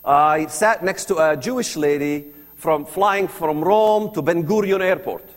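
His voice a little high and his delivery unhurried, a man from the Palestinian territories, Arabic being his first language, gives testimony about his life to an audience. He speaks earnestly, full of rhetorical questions, and the recording has a big-room sound.

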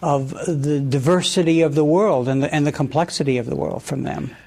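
Polite, somewhat high-voiced male host. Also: steady tone, creaky, warm tone. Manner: measured, polite, prompting questions. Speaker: interview host. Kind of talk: interviewing a guest.

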